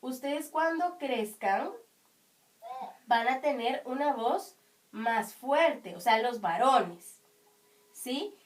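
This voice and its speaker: A woman teaching young children, explaining patiently with many checking questions, her high voice strong and carrying. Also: lively intonation, extremely slow, long pauses, recorded from a distance. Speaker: primary school teacher. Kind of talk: online class for children.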